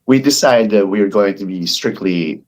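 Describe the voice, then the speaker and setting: A man's voice: on the low side, normal speed, darkish tone. A man from the Philippines, a restaurant founder talking earnestly as a podcast guest. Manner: earnest, with frequent restarts and fillers. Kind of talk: casual podcast interview.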